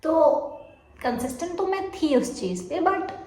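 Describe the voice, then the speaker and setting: A high-voiced young woman rambles through a casual vlog update while she is feeling unwell. She pokes fun at her own muddled talk and keeps losing her thread. The room around her is noticeably echoey. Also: very animated, darkish tone. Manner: rambling, self-mocking, mixes Hindi and English; says she talks very fast. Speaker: vlogger.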